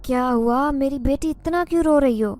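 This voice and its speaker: Storybook part: a worried, protective father, played by a woman narrator, loud and emphatic, higher voice with soft warm timbre. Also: close to an everyday voice. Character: worried middle-aged father, firm and protective.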